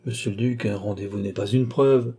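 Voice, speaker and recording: A man's voice: fairly low pitch, fairly even intonation, normal speed, mellow, slightly rough. A man voicing a young maid in an audiobook, pleading and protesting, coaxing at times. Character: young maid, flustered, coy, cunning. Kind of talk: audiobook reading.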